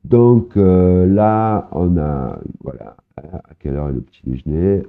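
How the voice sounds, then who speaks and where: A man teaching a language lesson in a casual, hesitant way, repeating words slowly and often adding "hein". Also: low-pitched. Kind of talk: casual online lesson explaining vocabulary. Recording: narrow phone-like sound.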